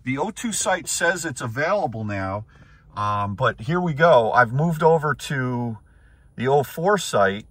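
A husky man chats away from the driver's seat of his car. He rambles and thinks aloud as he goes, trailing off and picking his thread back up. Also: mid-range voice, lively intonation, a little slow, fairly bright tone, dry recording. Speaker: vlogger reviewing electric cars. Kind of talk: casual talk while driving. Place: inside a car.

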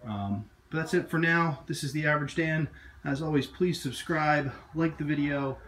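A man in his thirties giving a casual walkthrough of a camper, relaxed and full of fillers, filmed on a phone at arm's length. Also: fairly high pitch, moderate pace, slight background noise. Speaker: vlogger host. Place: inside a small camper. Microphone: phone camera at arm's length.

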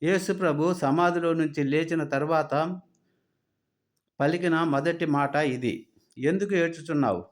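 A man preaching a sermon, earnestly reciting scripture references in quick runs. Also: fairly high pitch.

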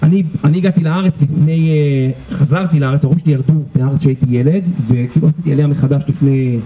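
A man guiding a tour group outdoors, telling lively anecdotes and laughing as he talks. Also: a little high. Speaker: tour guide. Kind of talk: storytelling lecture to a tour group. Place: outdoors at a historic site. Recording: muffled outdoor recording with faint ambience.

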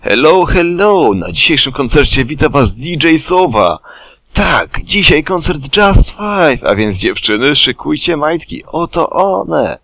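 A man voicing a brash owl DJ who announces in a loud, drawn-out hype voice. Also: on the high side, big pitch swings, no echo, voice pushed up, exaggerated voice. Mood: hyping. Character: brash show-off owl club DJ.

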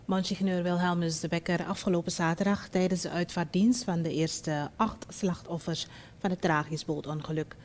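A woman news anchor reading the news in a formal, even way. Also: fairly low pitch, moderate pace.

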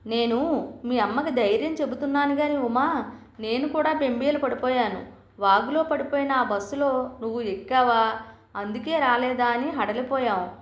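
A distraught older uncle with a bald head who talks in shaken, pleading words, as a woman narrator reads him. The voice sits a little high and rings with a roomy echo. It is a storybook reading. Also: moderate pace, natural voice.

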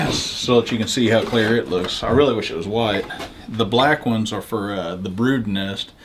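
A man in a dark shed who keeps bees, calmly explaining his equipment. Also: lowish voice, moderate pace, slight background noise. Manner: relaxed, explanatory. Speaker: beekeeper. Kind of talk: casual explaining.

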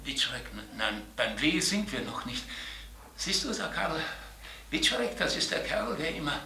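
A vain aging entertainer in a TV crime drama, his voice bright and lively as he swings through his patter. He turns sharp and wounded when challenged. The sound is roomy, with a faint hiss behind it. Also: on the high side, normal speed, creaky, full character voice. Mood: joking. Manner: animated joke telling, then bitter and sharp. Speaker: stand-up entertainer.

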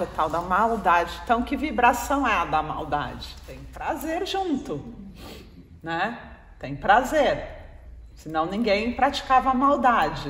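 A woman's voice: mid-range voice, fairly bright tone. A woman with a Brazilian Portuguese accent giving an informal spiritual talk, chatting with a live audience and keeping on asking them for replies. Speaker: speaker addressing an audience. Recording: echoey hall with faint noise.

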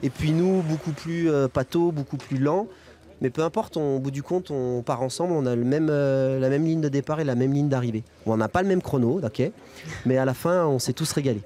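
A young freeride skier, appearing as a guest, answers interview questions outdoors at a snowy ski resort event, speaking into a handheld reporter microphone. His medium-pitched, dark-toned voice moves a little fast, and he sounds hesitant, colloquial and casual.

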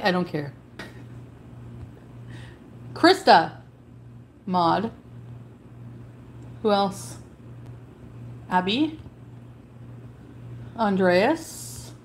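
A woman's voice: mid-range voice, a little hiss or hum. A woman livestreamer in an angry, profane rant, hurling insults at her chat while blocking people.

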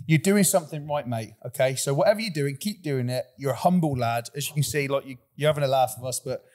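A man's voice: medium pitch, fast, darkish tone. Rambling male podcast host. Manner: rambling, repeats words when he starts a sentence; laughs often between lines. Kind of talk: casual podcast chat.

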